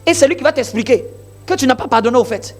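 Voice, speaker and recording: A man's voice: extremely high pitch, lively intonation, fast, soft background music. A male pastor delivering a sermon in an emphatic, repetitive preaching style full of rhetorical questions.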